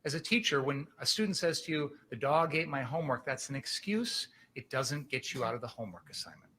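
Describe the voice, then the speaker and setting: Male prosecutor, mid-pitched. Passionate, emphatic courtroom closing with repeated phrases; slightly noisy live recording. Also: animated, a little fast, pushed and bright. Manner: passionate, emphatic, rhetorical questions and repetition. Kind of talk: courtroom closing argument to a jury.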